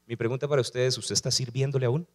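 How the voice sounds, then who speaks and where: A man's voice: medium pitch, steady tone, fast talker. A male pastor preaching a sermon, asking rhetorical questions and calling on the congregation to repeat after him.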